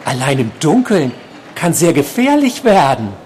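A man's voice: a little high, big pitch swings, measured pace, a little hiss or hum, voice pushed up. A man doing an eerie, obsessive male patient. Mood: quiet insistent. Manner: quiet, insistent, creepy. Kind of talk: author reading from his novel.

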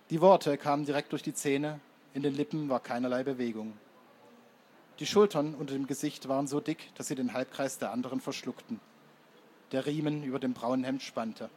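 A man narrating an audiobook in first person with measured, even storytelling. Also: medium pitch, a little hiss or hum.

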